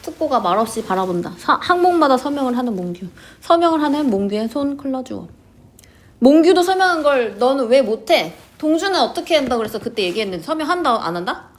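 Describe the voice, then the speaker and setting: Young woman teacher, chatty, lots of fillers, kinda high voice. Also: big pitch swings, brisk. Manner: chatty, fills with "like" words. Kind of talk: high school literature lesson.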